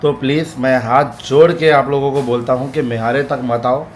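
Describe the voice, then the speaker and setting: A man's voice: medium pitch, fairly even intonation, moderate pace, slight background noise. A man vlogging in casual Hindi talk, giving firm, pleading warnings and repeating his points.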